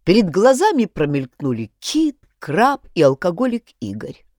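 Expressive woman reading a story. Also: fairly low pitch, moderate pace, no echo, studio quality. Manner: expressive, performs all the voices. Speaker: narrator.

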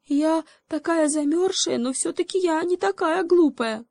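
A woman's voice: very high-pitched, measured pace, vocal fry, darkish tone, dry recording, studio quality, pitched above the performer's own voice, full character voice. Tiny whimpering frozen monkey girl. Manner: whimpering, tearful. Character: frightened shivering little female monkey.

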